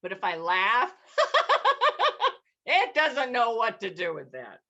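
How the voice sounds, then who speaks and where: A woman's voice: mid-range voice, very animated, normal speed, bright, forceful tone, lo-fi sound. A woman in her sixties leading an online laughter yoga class. She is playful and cheery, and she laughs and cheers often.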